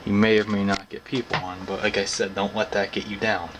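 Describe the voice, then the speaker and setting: A young adult hobbyist vlogger explains his pastime to camera casually, in a rambling, folksy style. His voice is fairly low and level, moving a little fast, and the background ambience is clearly noisy.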